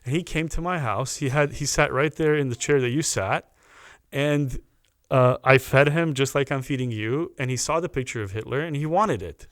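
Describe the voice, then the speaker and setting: A man, a guest on a podcast, telling a personal story in a casual, animated way, often stopping to restart a phrase. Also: mid-range voice, normal speed, no echo. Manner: animated anecdote teller with restarts.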